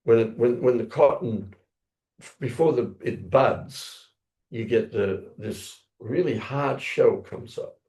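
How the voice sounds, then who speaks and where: A man's voice: mid-range voice, takes it slowly, a little mellow. A man giving a scripture class, telling a story in a rambling way, often correcting himself and acting out sounds with his voice. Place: temple lounge class, indoors.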